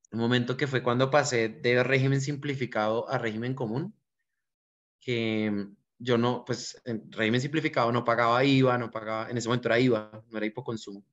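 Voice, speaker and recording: A man's voice: medium pitch, a bit bright. A man with a Colombian accent, a restaurant owner, earnestly and reflectively telling stories from his life in an interview. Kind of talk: interview answers, personal storytelling. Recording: dull lo-fi recording.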